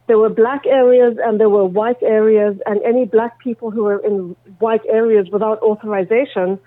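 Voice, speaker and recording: A woman in her forties answers interview questions, her voice pitched a little high. She tells her story in a thoughtful, measured way. The line is thin and phone-like and completely dry. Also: fairly even intonation, no room sound. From South Africa. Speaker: guest.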